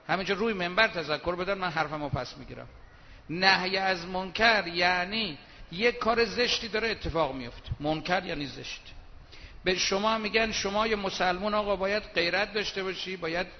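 Preacher in a dull echoing hall. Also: male voice, slight background noise. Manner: recites verse slowly, then talks fast and colloquially; swings between soft lowered asides and loud emphatic bursts. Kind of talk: sermon from the pulpit. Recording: dull reverberant hall recording.

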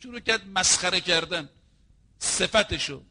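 A man's voice: sits high, lively intonation, pushed and bright. A man preaching a sermon, telling stories and acting out the quoted dialogue, and addressing his listeners as brothers and sisters.

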